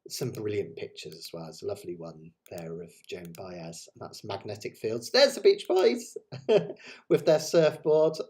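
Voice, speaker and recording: West Country man chatting with lively, swooping pitch. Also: measured pace. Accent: West Country English. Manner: rambling, enthusiastic, self-deprecating. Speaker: host of a live ukulele play-along. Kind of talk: casual livestream chat to viewers.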